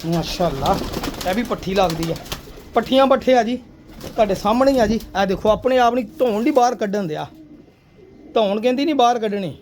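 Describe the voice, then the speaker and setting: A man with a fairly high voice shows off his pigeons in a casual, persuasive pitch. He keeps calling the viewer sir and brother. Faint pigeon cooing runs behind him. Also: expressive, a little fast, darkish tone, slight background noise. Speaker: pigeon seller showing birds.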